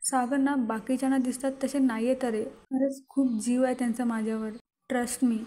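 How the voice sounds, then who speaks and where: A woman reading the lines of a gentle, devoted young wife in a soft, earnest way. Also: high voice, steady tone, fairly quick, natural voice. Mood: tender.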